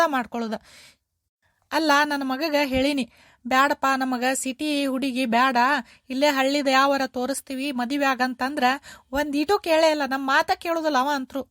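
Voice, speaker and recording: A woman's voice: a bit bright, no echo, clean studio sound. A woman voicing a nagging older mother-in-law in a cartoon, complaining and repeating herself in a North Karnataka accent. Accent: North Karnataka Kannada. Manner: shrill, complaining, repetitive.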